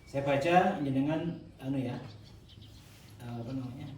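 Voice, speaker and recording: A man teaching Arabic grammar to a class, relaxed and joking, mixing in words. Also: medium pitch, normal speed, slight background noise. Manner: relaxed, joking, mixes in Javanese. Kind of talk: classroom lesson. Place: large echoey mosque hall. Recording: echoey hall, voice from far off.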